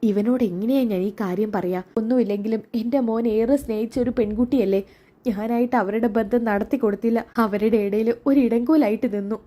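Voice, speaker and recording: A woman's voice: on the high side, steady tone, mellow, close to an everyday voice. A woman voicing a worried mother who halts and hesitates before giving bad news. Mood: hesitant. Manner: hesitant, halting.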